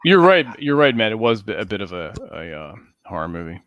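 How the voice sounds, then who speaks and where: A man's voice: fairly low pitch, very animated, brisk, a bit bright, no echo, highs cut off. A man co-hosting a casual podcast chat, loose and profane, laughing along with his friend. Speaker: podcast co-host.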